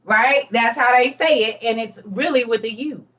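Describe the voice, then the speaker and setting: A woman's voice: a little high, normal speed, a bit bright, distant mic. Emphatic woman teaching, a bit off-mic. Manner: emphatic, repetitive, teaching as she reads. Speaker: online teacher on religion and history. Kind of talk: casual lecture to viewers.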